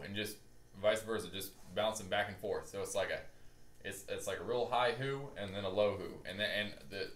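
Speaking as a hunting-call instructor, this young man keeps his how-to relaxed, casual and reassuring, in a lowish voice with a fairly bright tone. The setting is a garage holding a boat and hunting gear. A camera several meters away records him, and the space sounds echoey with noticeable noise behind him.

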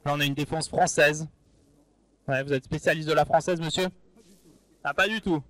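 A man's voice: fairly high pitch, steady tone, normal speed, fairly bright tone, dry recording. A man commentating a live chess event, bantering and joking with members of the audience over a handheld microphone.

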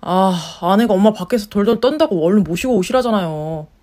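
A woman's voice: medium pitch, a little fast, darkish tone, natural voice. A woman voicing a whiny, jobless young husband in a story-radio drama, grumbling and sulking. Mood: teasing. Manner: grumbling, sulky complaints.

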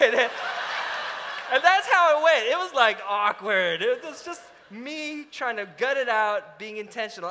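A man delivers a storytelling sermon in a high, ringing voice. His pitch swings widely as he acts out his own lines with self-mocking energy. The sound carries the long reverb of a large hall. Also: sharp tone.

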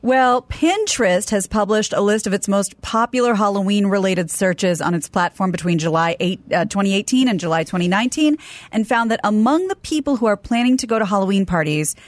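A woman's voice: medium pitch, brisk, no room sound. A woman co-hosting a podcast, reading news items in a matter-of-fact casual way. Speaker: news reader co-host.

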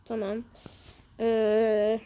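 A woman's voice: fairly high pitch, monotone, extremely slow, warm tone, slight background noise. A woman giving casual gameplay commentary while she builds, muttering to herself and adding little sound effects. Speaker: Minecraft video creator.

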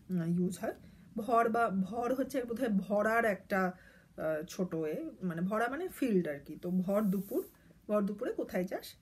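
A woman's voice: mid-range voice, darkish tone, breathy edge. A woman vlogger reading a poem aloud and explaining it casually, with many hesitations and self-corrections.

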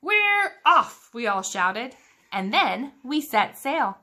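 A woman's voice: fairly high pitch, lively intonation, slow, a bit bright. A woman teacher reading a children's book aloud, engaging her young listeners with questions about the pictures.

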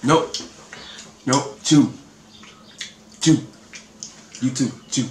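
A man's voice: mid-range voice, drawn-out words. A man talking casually while chewing gross jelly beans as host of a challenge. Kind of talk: casual chat. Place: small room at home. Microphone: camera a short distance away. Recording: roomy echo, clear background noise.

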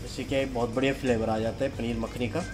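A man's voice: medium pitch, level tone, fast talker, music in the background. A man, a chef, explaining a recipe step by step in a kitchen cooking demonstration.

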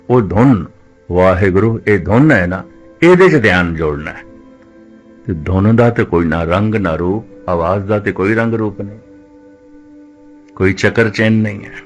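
A man with a low voice delivers a slow religious discourse as a Sikh preacher. He repeats phrases for weight and draws out quoted scripture in a chanting cadence. Faint music sits beneath his voice.

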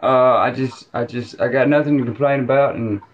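A man's voice: mid-range voice, steady tone, fairly quick. A man from Alabama with a Southern accent, joking in a folksy, drawling way on a casual video chat. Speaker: live stream host. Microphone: headphones with mic. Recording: muffled lo-fi stream audio.

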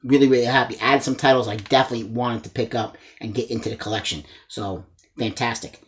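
A man in his forties hosts a movie-collecting vlog from a small indoor room full of disc shelves, eagerly showing his latest haul on camera. Talking fast in a steady, mid-range voice, he keeps it casual and frequently addresses viewers as "guys." Slight background noise is present.

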